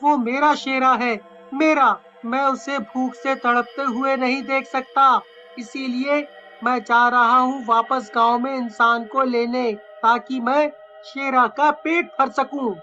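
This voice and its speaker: A woman voicing an angry young male ghost who is possessive of his goat and shouts slow threats. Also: sits high, steady tone, voice pushed up, full character voice. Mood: stubborn. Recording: dull lo-fi audio with faint music.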